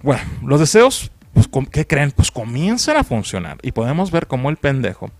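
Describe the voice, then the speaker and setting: A man's voice: mid-range voice, wildly swooping pitch, normal speed, no room sound. A man with a Mexican accent giving a crude, mocking, slang-filled comedic film recap. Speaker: film critic.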